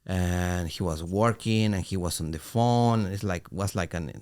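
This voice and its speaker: A middle-aged man co-hosting a podcast, telling an animated story in casual talk with halting restarts. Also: low-pitched, clear, resonant tone. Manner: animated, acts out quoted voices, halting restarts. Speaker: podcast co-host.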